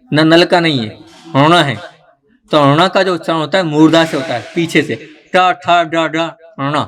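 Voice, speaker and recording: A teacher of religious recitation leads a live session for a gathered group, working through things step by step and often checking that his listeners are following. His voice is a little high and fairly bright.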